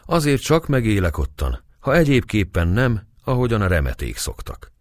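A man's voice: lowish voice, huge pitch swings, no room sound, studio quality, pitched above the performer's own voice. A man reading aloud and voicing a humble village priest who speaks mournfully. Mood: sorrowful.

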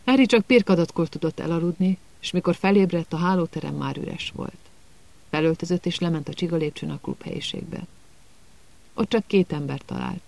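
A man reading a storybook aloud in measured scripted narration. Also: on the high side, creaky, darkish tone. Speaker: audiobook narrator.

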